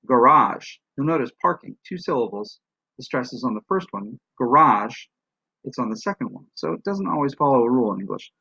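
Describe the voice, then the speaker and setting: A husky-voiced man gives a recorded French lesson, carefully sounding out example words. The sound is dry and a little dull, like a modest lo-fi recording. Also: medium pitch, fairly bright tone, dry recording. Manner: explanatory, demonstrates words slowly with rising and falling tone. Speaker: French teacher.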